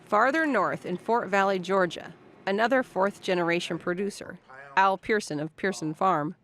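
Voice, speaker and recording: A reporter reading scripted news narration in a steady, measured way. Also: mid-range voice, slight background noise.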